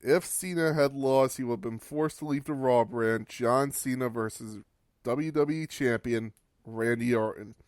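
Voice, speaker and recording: A man's voice: mid-range voice, unhurried, a little mellow, no room sound, studio quality. A man hosting a podcast, giving a casual, wry recap of old wrestling matches and swearing for laughs. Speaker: podcast host.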